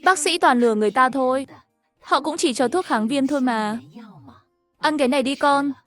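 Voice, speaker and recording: A woman's voice: high voice, normal speed, faint music behind, lightly acted. A woman voicing a bossy, stubborn mother. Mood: smug. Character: stubborn, fussy middle-aged mother full of home remedies.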